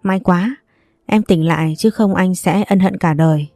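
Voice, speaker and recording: A woman's voice: lowish voice, moderate pace, darkish tone, no echo, clean studio sound, natural voice. A woman voicing an apologetic, caring young man who talks earnestly and reassuringly.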